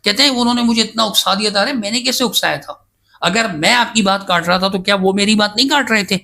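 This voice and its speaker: A man's voice: high voice, gravelly, pushed and bright. A man speaking as a guest scholar in a podcast interview, insistent and emphatic as he defends himself at length. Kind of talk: casual debate-style interview talk.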